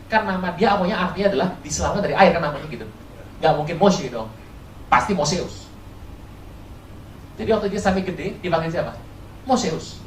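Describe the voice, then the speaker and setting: A pastor preaching a sermon, quizzing the congregation and swinging between loud high bursts and quiet low asides. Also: a little hiss or hum. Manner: animated, keeps quizzing the congregation. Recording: echoey hall from far off, faint ambience.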